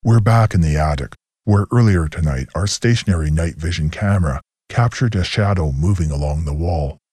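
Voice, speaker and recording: Guy reading as a deep gloomy tv host, husky, sounds beat. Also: moderate pace, darkish tone, no echo, studio quality. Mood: presenting. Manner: low, glum and defeated. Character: weary gloomy male TV show host.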